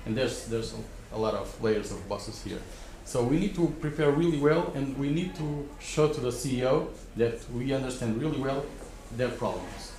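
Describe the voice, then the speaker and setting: A man speaking at a live panel in a conference room, stumbling and repeating words as he works through his advice. His voice is even in pitch, and the room adds a clear echo. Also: slight background noise. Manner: halting, repeats words as he rethinks. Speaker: expert panelist advising startups.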